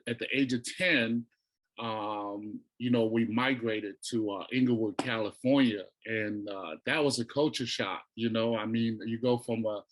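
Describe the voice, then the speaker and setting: A middle-aged man from Tonga, a guest telling his life story in a relaxed, reflective way, full of "you know" and restarts. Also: medium pitch, low-quality recording. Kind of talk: casual storytelling interview.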